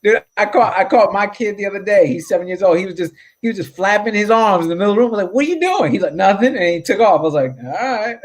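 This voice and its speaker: A man's voice: high-pitched, animated, fast, few pauses. A man hosting a casual comedy talk, upbeat, quizzing his guests. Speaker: host. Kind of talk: casual chat.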